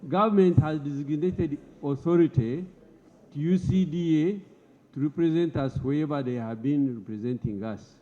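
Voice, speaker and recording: A man addresses parliament as a government minister, in a mellow, low-toned voice. He speaks formally and repeats words as he pushes his point. The audio is dull broadcast sound with a long echo from the chamber. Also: normal speed.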